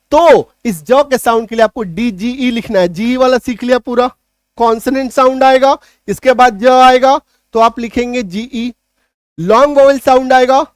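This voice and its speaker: A man teaching an online spelling lesson in English, emphatic, slowly drawing out example words and checking often that students follow. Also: very high voice, no room sound, studio quality. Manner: emphatic, repeats key points with rhetorical checks.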